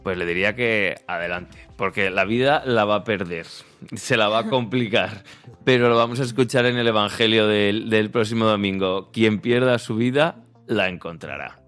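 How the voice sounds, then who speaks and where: A man speaks as a priest on a radio show. His voice is slightly low and resonant, and he exhorts in an earnest, conversational way over faint music. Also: normal speed, a bit bright. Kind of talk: conversational spiritual advice.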